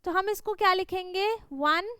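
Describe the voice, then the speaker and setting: A woman's voice: very high-pitched, a little slow, a bit bright, no room sound. A woman maths teacher, patiently explaining a worksheet to children and often asking whether they follow. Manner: patient, repeats "thik hai?" and "hai na?" to check understanding.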